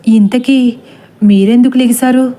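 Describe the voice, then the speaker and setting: Woman doing a scared young woman, trembling, tearful, pleading, high voice, storybook. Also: fairly even intonation, measured pace, warm tone, natural voice. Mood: anxious.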